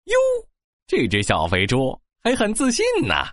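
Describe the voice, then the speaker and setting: Boastful storybook big bad wolf, played by a woman: sneering, menacing wolf voice, slow delivery, hugely animated pitch. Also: no echo, clean studio sound, exaggerated voice. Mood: taunting, boastful. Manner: sneering, menacing wolf voice with drawn-out taunts and exclamations. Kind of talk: children's audio story acting.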